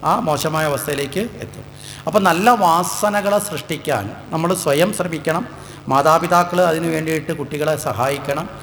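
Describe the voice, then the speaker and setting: A man's voice: a little high, normal speed, gravelly, fairly bright tone. A man from Kerala, India, giving a devotional discourse, telling stories and asking the listeners rhetorical questions. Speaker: Bhagavatam discourse speaker. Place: temple hall. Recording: echoey hall with faint hum.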